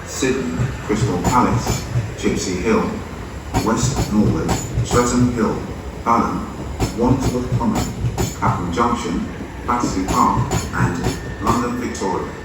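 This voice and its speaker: A man making a formal, measured platform announcement over a station loudspeaker, reading the calling points. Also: lowish voice, loud music behind the voice. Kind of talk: automated train departure announcement. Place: large railway terminus concourse. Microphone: public address loudspeaker picked up from a distance. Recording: echoey station hall from far off, noisy. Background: station noise and ambience.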